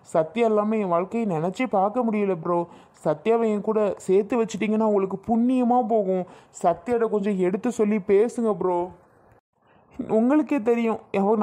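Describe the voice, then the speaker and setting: A woman's voice: medium pitch, mellow, lightly acted. A woman voicing an insistent, pleading young man in a cartoon who begs his ex-girlfriend to take him back. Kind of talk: cartoon voice acting.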